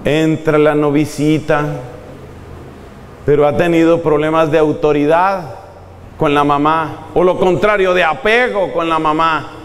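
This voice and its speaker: Male preacher, lively and humorous, fairly high voice, long echo of a church hall. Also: unhurried. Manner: animated, humorous, acting out examples. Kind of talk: sermon.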